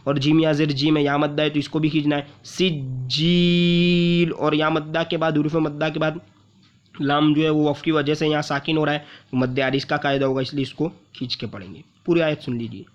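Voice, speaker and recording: A man teaches recitation at an unhurried pace, pausing on single syllables and stretching the long vowels so they are easy to follow. His voice sits a little high. The recording is dull and lo-fi. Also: flat delivery. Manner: patient, repeats syllables and drags out long vowels while demonstrating. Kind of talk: explaining tajweed rules step by step. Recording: muffled lo-fi audio.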